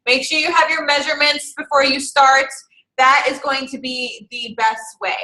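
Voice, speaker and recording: Young female fitness coach, high bright voice, casual encouraging talk, roomy echo. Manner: chatty, encouraging, thinking aloud through calculations. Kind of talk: casual online group coaching.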